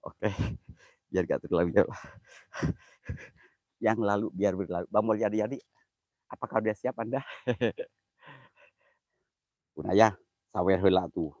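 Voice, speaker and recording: A young man chats and jokes with his viewers, laughing often while he streams from beside an old well on his phone. His voice is somewhat low and husky. The sound is close and dry. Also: slow, pauses often, a little mellow, no room sound, lo-fi sound. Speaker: host of a comedy ghost-hunting livestream. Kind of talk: casual joking livestream chat. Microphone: phone camera.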